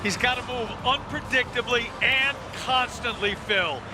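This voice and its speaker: A man's voice: very high voice, measured pace, background noise. A man giving color commentary on a fight, confidently laying out each fighter's keys to victory. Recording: music under the voice.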